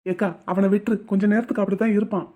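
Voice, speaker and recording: A woman voicing a teasing young village man in a cartoon, quick and mock-dramatic. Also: medium pitch, flat delivery, warm tone, muffled recording, lightly acted. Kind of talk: Tamil cartoon voice acting.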